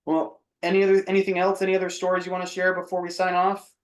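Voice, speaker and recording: Laid-back podcast host in an echoey room. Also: male voice, high voice. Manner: relaxed, quick to laugh and react. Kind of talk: casual chat.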